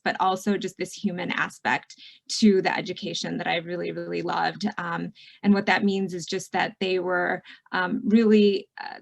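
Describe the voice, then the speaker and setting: A woman's voice: mid-range voice, vocal fry, highs cut off. Chatty middle-aged woman on a video call. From Michigan, USA. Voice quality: warm, chatty, many fillers. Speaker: physician giving a talk. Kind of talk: casual online presentation. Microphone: video call mic.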